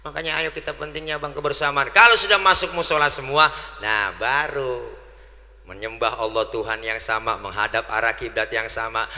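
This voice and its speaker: A man's voice: medium pitch, steady tone, moderate pace, pushed and bright. A man giving a comedic religious sermon, joking and calling out to the crowd for answers. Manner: jokey, punchy call-and-response with the crowd. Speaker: preacher. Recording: long hall reverb.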